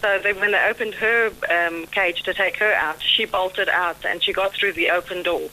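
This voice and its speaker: A South African woman calls in to a radio show over a phone line. She tells her story haltingly and fills the pauses with ums. Her voice comes through bright, with faint hiss underneath. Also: fairly low pitch, fairly even intonation. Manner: hesitant, full of ums, laughs easily. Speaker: caller. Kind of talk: phone-in call.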